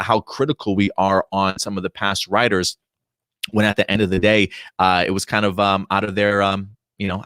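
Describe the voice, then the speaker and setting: A man's voice: lowish voice, a bit bright, no echo, studio quality. A man in his late thirties co-hosting a casual livestream chat, talking through viewer comments with lots of fillers and restarts. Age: 30s. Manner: chatty, reads out viewer comments. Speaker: podcast co-host.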